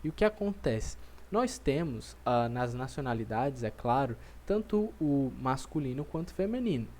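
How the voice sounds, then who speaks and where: Lively teacher drilling words. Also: male voice, medium pitch, moderate pace. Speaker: French teacher. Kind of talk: online language lesson.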